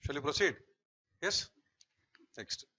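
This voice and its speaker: A man's voice: a little high, sing-song, takes it slowly, sharp tone, husky. A middle-aged man with a Tamil South Indian accent, lecturing and dictating notes as an accountancy teacher, often checking on the class with short questions. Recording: slightly noisy, muffled recording, keyboard clicks.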